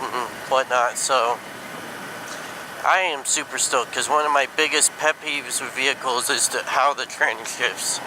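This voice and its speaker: A man talking casually and haltingly inside a helmet while riding a motorcycle, thinking aloud like a vlogger. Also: mid-range voice. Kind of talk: casual rambling motovlog talk. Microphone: mic inside helmet. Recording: helmet mic, clear road and engine noise.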